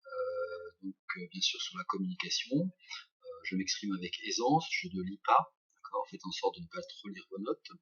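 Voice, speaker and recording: A man's voice: mid-range voice, big pitch swings, normal speed, vocal fry, pushed and bright, breathy edge. A middle-aged male teacher with a French accent, giving recorded instructions from home with many fillers and restarts. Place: home, during lockdown. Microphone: webcam or laptop mic. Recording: muffled lo-fi webcam audio.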